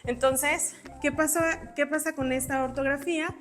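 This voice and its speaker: A woman's voice: sits high, fairly even intonation, normal speed, soft background music. A woman giving an exam-prep spelling lesson, patiently explaining rules step by step with examples while writing on a board. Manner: writes on a board while talking. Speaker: spelling teacher.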